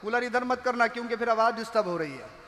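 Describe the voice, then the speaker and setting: A man preaching at a religious gathering, his voice very high and bright. He is impassioned and sweating in the heat, rising to shouts and calling on the listeners to answer back. Long reverb of a large hall trails each phrase. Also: lively intonation, fast. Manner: impassioned, rises to shouts and calls for responses.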